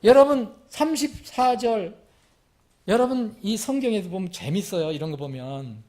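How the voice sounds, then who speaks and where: A man's voice: high voice, a little slow. A male pastor preaching an afternoon sermon, acting out cries and asking the congregation questions. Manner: animated, acts out quoted cries, asks the congregation questions.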